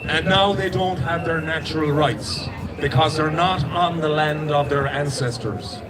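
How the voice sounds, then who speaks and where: Speaking unhurriedly with a fairly high, fairly even voice, a man from Galway explains his point insistently in an unplanned street-protest speech. His west of Ireland accent comes through over the very loud crowd around him outdoors in the city.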